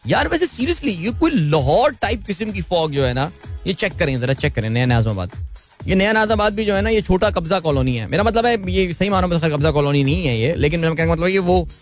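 Male morning host, Pakistani Urdu accent, slightly high pitch, breezy and chatty, faint music underneath. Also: animated, fairly quick. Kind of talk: live morning show chat.

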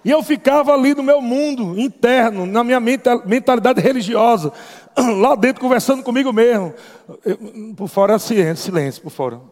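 A man telling a lively testimony as a preacher, acting out voices and laughing often. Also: very high-pitched, brisk. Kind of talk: testimony sermon storytelling. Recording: long hall reverb.

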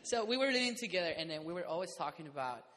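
A man's voice: high-pitched, expressive, rapid-fire, a bit bright. Young man from Costa Rica, easygoing group chat, lots of laughs and fillers; echoey room with faint background hiss. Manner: laughing often, rambling with fillers. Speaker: community house resident. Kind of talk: casual group conversation. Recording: reverberant room, faint noise.

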